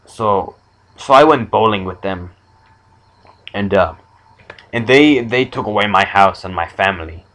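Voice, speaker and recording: Young man with a fairly low voice and a bright, sharp edge. He rambles through a comic monologue in a deadpan manner, stopping now and then to chuckle at his own jokes. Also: measured pace, long pauses, rough recording. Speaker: channel comedian.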